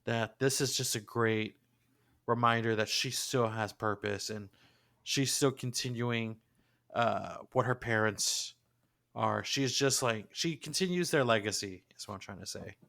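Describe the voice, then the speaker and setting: A man's voice: medium pitch, a little slow, creaky, fairly bright tone. A man co-hosting a podcast, chatting casually and enthusiastically about an anime episode like a gushing fan. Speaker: podcast co-host.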